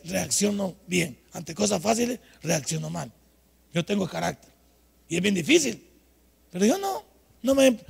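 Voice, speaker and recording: An older man preaching a humorous, scolding sermon at a night vigil, with sudden loud outbursts. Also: sits high, long reverb tail. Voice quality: raspy, gravelly. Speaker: pastor.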